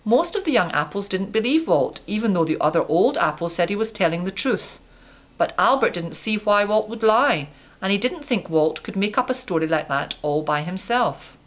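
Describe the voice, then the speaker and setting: A woman reading a children's story aloud as narrator, calm and steady. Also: mid-range voice, normal speed.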